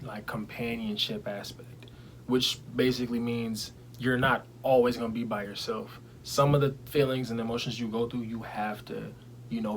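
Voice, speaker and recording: A man's voice: medium pitch, a little hiss or hum, rough recording. Earnest young man in casual chat. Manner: reflective, earnest, sometimes laughing loudly.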